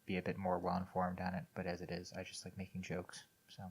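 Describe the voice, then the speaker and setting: Blunt, low-voiced man. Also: monotone, fast talker, breathy edge. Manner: blunt, sarcastic, swears freely. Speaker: podcast co-host. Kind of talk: casual chat.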